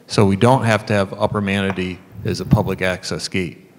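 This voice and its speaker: A man, a board member, asking questions in a public meeting with halting restarts. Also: deep voice, fairly even intonation. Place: large meeting room. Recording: long reverb, faint ambient noise.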